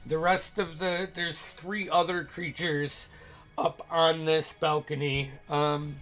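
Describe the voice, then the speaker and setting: Casting: male game master, higher-pitched voice, unhurried improvised tabletop narration, thoughtful pauses. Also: flat delivery, fairly bright tone, soft background music, rough recording. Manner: halting, descriptive, pauses to think.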